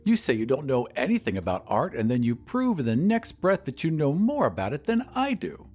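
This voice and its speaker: A man's voice: medium pitch, wildly swooping pitch, fairly quick, darkish tone, soft background music. A man voicing a gloomy, scornful old painter who talks with bitter sarcasm. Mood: sardonic.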